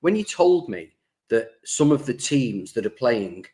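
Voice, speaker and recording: A man's voice: mid-range voice, sing-song, unhurried, warm tone. Chatty man co-hosting a podcast. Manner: chatty, teasing, full of restarts. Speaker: podcast co-host. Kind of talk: casual podcast chat.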